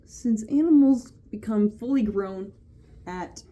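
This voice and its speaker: A woman's voice: mid-range voice, takes it slowly, dark tone. A young woman vlogger reading a website's answers aloud and adding blunt, mocking comments, with many fillers.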